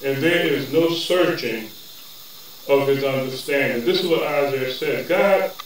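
A man preaching a sermon as bishop, building into a fervent cadence with drawn-out words. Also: medium pitch. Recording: echoey distant room with faint noise.

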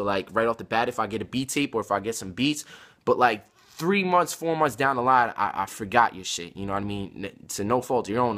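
A rapper and video blogger in his twenties talks casually to camera in a vlog, his medium-pitched voice bright and forceful. His street-style talk is slangy, emphatic, and rambling. He's indoors in a home room with bookshelves, picked up by a laptop webcam mic at arm's length.

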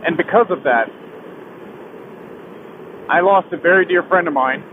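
This young motovlogger is cruising a highway on his motorcycle, opening up through his helmet mic. The confession is halting and sorrowful, repeatedly restarting, and the audio sounds tinny with wind and road noise.

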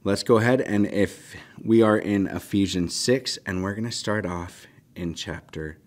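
Deep-voiced man teaching scripture. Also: measured pace. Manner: earnest, emphatic, frequent "right?" asides. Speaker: pastor. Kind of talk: devotional Bible teaching. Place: small church studio, indoors. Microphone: desk mic on a stand.

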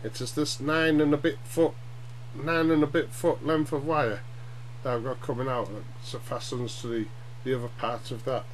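Speaking at a medium pitch with a steady tone, a middle-aged man demonstrates hobby radio in a casual explainer vlog. He pauses often and tacks on "yeah?" or "eh?" as he goes. He's indoors in a small, cluttered home room, recorded by a webcam at arm's length that picks up noise and a hum.

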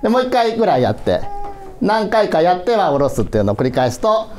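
Middle-aged male workshop leader, playful and coaxing, pitch ranging widely. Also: very animated, fast talker, darkish tone. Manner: playful, coaxing, laughs often. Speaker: workshop instructor. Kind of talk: children's workshop instruction. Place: museum hall, indoors.

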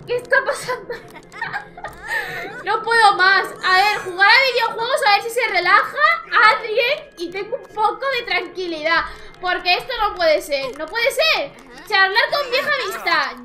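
A woman's voice: very high voice, sharp tone. A woman from Spain giving casual let's-play commentary, dramatically exasperated and swinging between laughter and mock despair. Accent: Spain Spanish. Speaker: gaming youtuber.

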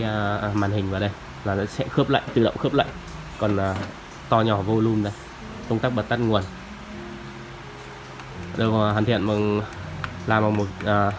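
A man's voice: fairly low pitch, background noise. A man giving a polite, hesitant product demo as an audio shop salesman. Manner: polite, deferential, with frequent hesitations. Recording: music playing clearly behind.

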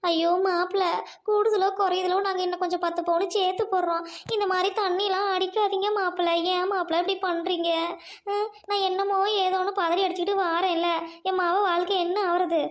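A woman's voice: extremely high pitch, little pitch movement, brisk. A woman with a Trichy Tamil accent acting a fussy, wailing mother of the bride in a comedy skit. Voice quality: wailing, melodramatic.

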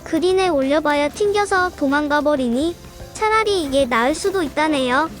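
A woman with a high voice delivers scripted golf commentary in a polite, formal register. She reports the round shot by shot as a voice-over, with music playing faintly behind her. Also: lively intonation, moderate pace. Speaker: narrator of an amateur golf vlog.

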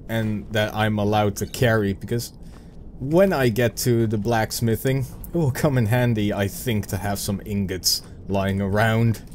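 He's a young Dutchman from the Netherlands, his lowish voice steady, a little slow and a little mellow, with some hiss or hum on the recording. With a Dutch accent, he narrates his own game in a casual let's play, muttering and joking at his own expense.

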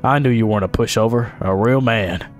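Male gamer playing a gruff aging drifter, low and conspiratorial. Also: fairly quick, soft background music, lightly acted. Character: gruff old wandering drifter man.

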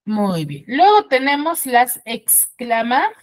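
Woman teacher in an online class, lively pitch swings, explains patiently and keeps asking pupils if they follow. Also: slow pace. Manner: explains step by step, asks pupils checking questions. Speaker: schoolteacher.

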